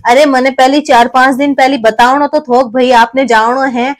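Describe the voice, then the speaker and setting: A woman plays a grown son who complains loudly in a family comedy skit. The voice is high, and the Marwari accent is clear. He is entitled and griping. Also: fairly even intonation, normal speed, lightly acted. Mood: complaining. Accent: Rajasthani Marwari. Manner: complaining, loud.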